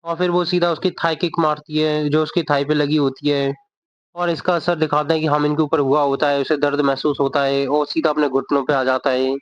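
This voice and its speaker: A man's voice: fairly high pitch, little pitch movement, a little fast, no room sound. Man recapping a manga, dry lo-fi. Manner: conversational, repetitive scene-by-scene recapping. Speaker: manga explainer. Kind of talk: casual story recap narration. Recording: dull lo-fi dry voice.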